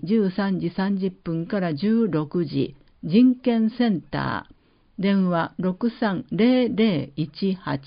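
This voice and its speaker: A woman announcer reading public-service notices, with slow, measured, carefully enunciated list reading. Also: mid-range voice. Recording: dull lo-fi recording.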